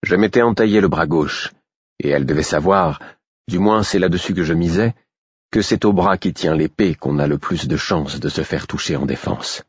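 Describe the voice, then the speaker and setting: A man with a very deep, husky voice narrates a novel in the first person, measured and low-key. The sound is dry and close, with no room around it. The recording is slightly muffled. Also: no echo. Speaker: audiobook narrator.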